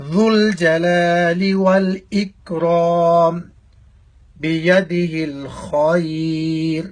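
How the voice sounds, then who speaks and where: Man teaching slow careful recitation. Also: on the high side. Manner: slow drawn-out chanting recitation alternating with brisk explanation. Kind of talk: tajweed lesson with slow recitation.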